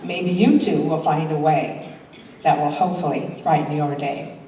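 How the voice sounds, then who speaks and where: An older woman with a deep voice reads her own poetry to a live church talent show audience, introducing each piece first; she's an amateur. Her intonation is fairly even and her pace moderate, with a distant mic picking up a very echoey hall and faint noise.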